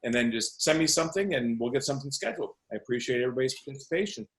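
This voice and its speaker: A man organizing events, making brisk, informal announcements on a video call and thinking aloud about what he still needs to cover. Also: mid-range voice, expressive, fairly bright tone.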